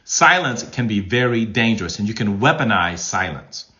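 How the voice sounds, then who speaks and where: Animated pastor teaching, muffled recording. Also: male voice, on the low side, normal speed. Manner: animated, keeps checking in with the audience with "okay?"; acts out tones of voice as examples. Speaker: pastor giving relationship advice. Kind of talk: live teaching talk, answering viewer comments.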